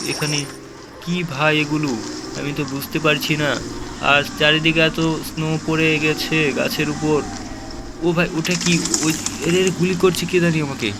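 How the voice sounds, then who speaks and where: A man hosting a gaming channel, chatting excitedly with viewers as he plays. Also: fairly high pitch, noisy background. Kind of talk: game commentary.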